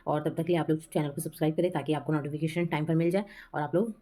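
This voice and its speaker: A woman with a fairly low voice and explains a poem line by line, like a teacher talking to a class. She often checks in with "hai na" and repeats key phrases to make them stick. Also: fairly even intonation, rapid-fire, mellow. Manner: frequent "hai na" tag questions, repeats each line.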